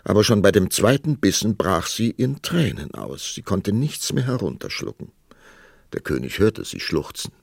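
A man narrates a fairy tale in a very low, gravelly voice. His reading is theatrical and swoops constantly between hushed and bright tones. The recording is dry and close, with no room sound. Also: normal speed, no room sound. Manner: very expressive, theatrical storytelling.

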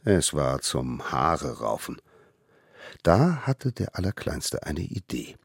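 A man reading a children's story aloud, in a lively, animated storytelling manner. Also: extremely low pitch, slow pace, creaky, husky, dry recording, studio quality. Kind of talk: expressive children's story narration.

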